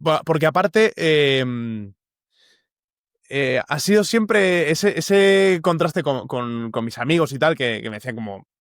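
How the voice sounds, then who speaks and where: A man's voice: fairly high pitch, lively intonation, measured pace, no room sound, studio quality. A young man from Uruguay with a Spanish accent from the Valencia area, a journalist talking as a guest in a casual interview, thoughtful and full of fillers and restarts.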